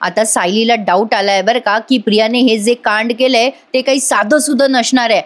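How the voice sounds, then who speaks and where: A woman retells a TV serial episode for her viewers, chatty and direct. Her voice sits high for a woman. She keeps the story moving line by line. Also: steady tone, normal speed. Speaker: serial recap narrator.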